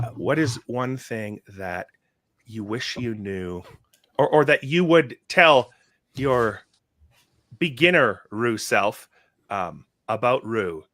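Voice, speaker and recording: A man's voice: fairly low pitch, fairly bright tone. A man hosting a casual tech chat, asking curious questions and joking now and then. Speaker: podcast host.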